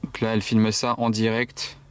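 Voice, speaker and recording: A man's voice: lowish voice, monotone, normal speed, clear, resonant tone. Chatty upbeat man vlogging from a car. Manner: chatty and upbeat, addresses viewers directly. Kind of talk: casual vlog with product demo. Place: inside a car.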